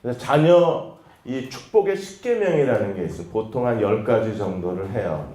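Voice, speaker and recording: A male pastor giving a church lecture, telling stories in a lively way and acting out the dialogue. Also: lowish voice, moderate pace, roomy sound. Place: church hall.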